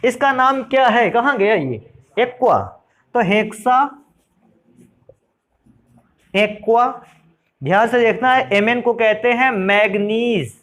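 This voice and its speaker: A male chemistry teacher with an extremely high, animated, slightly bright voice speaks slowly and pauses often. In his friendly lecture he calls students "beta" and "bhaiya," asking them questions that he then answers.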